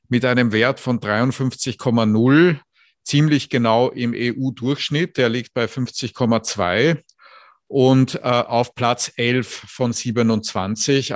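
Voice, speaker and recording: Dry, deliberate male panel moderator. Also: medium pitch, no room sound. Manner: deliberate, reads quotes aloud word for word.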